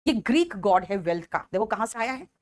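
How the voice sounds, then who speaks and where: A woman teacher giving an exam-prep vocabulary lesson, animated, calling her students "beta" and slowing down to dictate English definitions. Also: medium pitch.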